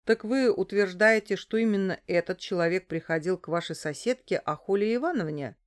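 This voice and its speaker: A woman's voice: medium pitch, a little fast, natural voice. A woman reading an audiobook voices a brusque male police investigator who sounds stern, mocking and officious.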